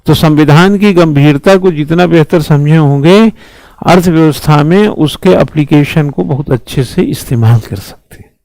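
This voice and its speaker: Emphatic high-voiced male lecturer. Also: moderate pace, a little mellow, dry recording, rough recording. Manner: emphatic, rhetorical questions and repeated slogans. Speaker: civil services exam teacher. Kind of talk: classroom lecture.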